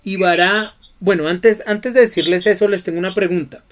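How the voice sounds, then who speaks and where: A man's voice: high-pitched, steady tone, moderate pace. A man teaching a Bible study lesson who keeps asking his students questions and prompting their answers.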